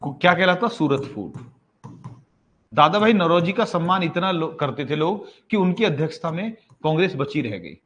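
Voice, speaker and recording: A man teaching an exam-prep history lesson, with a voice a little higher than most men's. He talks casually, calling his students "bhai", asks questions and answers them himself, and repeats each key fact. The recording sounds somewhat dull and lo-fi. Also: expressive, normal speed, a bit bright, slight background noise.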